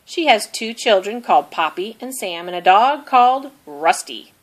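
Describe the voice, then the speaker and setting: A woman with a medium-pitched voice reads a children's storybook aloud, expressive and deliberate.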